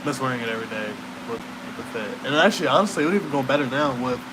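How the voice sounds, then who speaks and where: Speaking very fast with lively intonation, this young man's mid-range voice drifts through casual late-night rambling. His stoner-ish talk is slangy and profane, trailing off before looping back, over an obvious hum of room noise.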